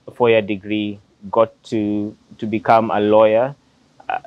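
Speaking into a lapel mic outside by a glass building, a late-twenties Kenyan lawyer tells an interviewer about himself, thoughtful and earnest yet relaxed. He has a medium-pitched voice. There is no echo, but the audio is poor.

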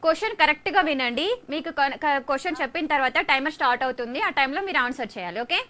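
A young woman hosting a phone-in quiz show on a studio mic. Her voice sits high and sounds bright and forceful. She talks loudly and teases her callers, slipping English phrases into her speech. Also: expressive, fast. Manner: loud, teasing, mixes English into Telugu. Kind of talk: lively live phone-in chat.

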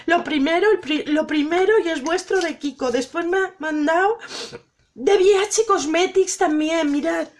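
Gushing, high-voiced woman unboxing gifts. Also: a little slow. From Spain. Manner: gushing, emotional, exclaims often. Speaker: vlogger opening viewer gifts. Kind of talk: excited unboxing chat. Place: home.

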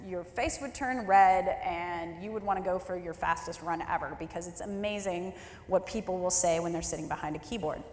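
A woman's voice: lowish voice, a little hiss or hum. A woman in her thirties giving a candid, wry storytelling speech as keynote speaker at a leadership forum. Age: 30s. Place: large hall at a leadership forum. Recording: roomy hall with long reverb.

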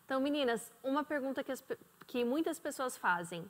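A woman's voice: high-pitched, expressive, fairly quick. A woman hosting a studio panel talk, asking questions and backing up her guests with short affirmations. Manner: encouraging, many short affirmations. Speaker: talk show host. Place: TV studio set. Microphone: handheld mic.

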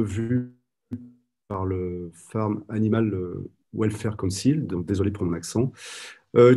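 A man's voice: on the low side, dark tone. A man giving an online conference talk over a video call, hesitant and full of fillers. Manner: hesitant, many "euh" fillers. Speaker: guide dog trainer presenting at a conference.

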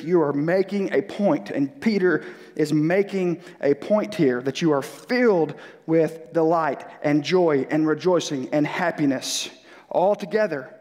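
Male pastor, high-ish voice, stuffy, earnest conversational sermon, church hall reverb. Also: a little mellow. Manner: earnest, conversational preaching with restarts, rising in intensity. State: stuffy from a cold. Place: church sanctuary.

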